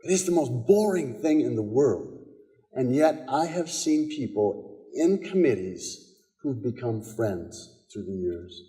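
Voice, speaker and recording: Pastor preaching a sermon in a reverberant church. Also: male voice, medium pitch, sing-song, slow pace, warm tone. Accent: American. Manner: storytelling, conversational with quoted dialogue and repetitions. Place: church sanctuary. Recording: long church hall reverb.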